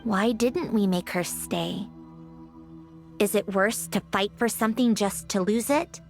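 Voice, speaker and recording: Over background music, a woman with an unhurried, gravelly mid-range voice plays a haughty, sighing young video game character who is aloof, prickly and melancholy. The tone is grieving and reflective.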